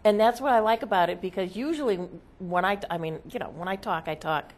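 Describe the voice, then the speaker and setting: A woman in the role of a seance medium explains her trance channeling casually during an interview. Her medium-pitched speech is halting, and she keeps checking in with "okay?".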